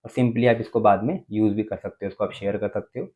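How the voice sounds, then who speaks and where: This Indian-accented man's voice is lowish, dark, and steady, and he talks fast. He presents a casual, step-by-step phone tutorial, explaining as he goes and frequently checking in with brief tag words.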